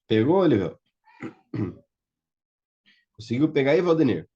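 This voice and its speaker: Patient Brazilian teacher, muffled mellow voice. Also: male voice, medium pitch, very animated, a little slow, husky. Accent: Brazilian Portuguese. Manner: patient, checks understanding often with "tá?" and "certo?". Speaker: Biblical Hebrew teacher. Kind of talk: online class lecture. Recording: muffled lo-fi audio.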